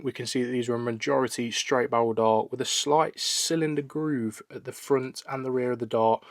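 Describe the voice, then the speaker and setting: A man reviewing and unboxing darts in a casual, enthusiastic way, often repeating "very, very". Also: mid-range voice.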